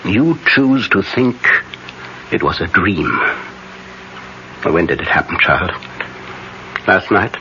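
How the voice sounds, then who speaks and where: Grave, low-voiced Professor Van Helsing. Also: male voice, very animated, slow pace, long pauses, bright, forceful tone, heavily acted. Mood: grave, insistent. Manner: insistent, authoritative, solemn. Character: grave, urgent older male professor, vampire hunter. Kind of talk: old-time radio horror acting. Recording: dull vintage radio recording, faint hiss.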